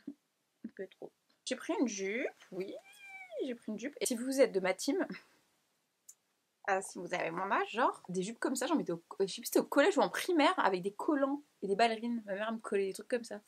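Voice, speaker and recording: A young woman from France, chatting excitedly and casually through a fashion haul vlog, with frequent laughs and quick asides. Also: on the high side, husky. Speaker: fashion vlogger.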